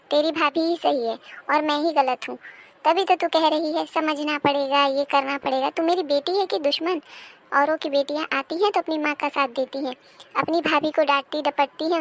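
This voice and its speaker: A woman voicing a nagging, self-pitying older mother-in-law in a cartoon. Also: high voice. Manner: complaining, bitter, self-pitying. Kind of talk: cartoon dubbing.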